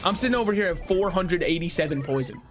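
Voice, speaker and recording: Streaming a card game, this man speaks in a high-pitched, animated voice and at a fast clip. His chatty commentary on each move is sprinkled with occasional swearing and laughter at his own jokes, over faint background music.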